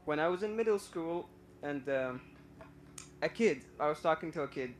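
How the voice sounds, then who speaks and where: On a live stream call, a young man from Iraq nervously recounts his story, admitting stage fright and hesitating with many fillers and restarts. His voice runs on the high side, animated and at normal speed, with slight background noise.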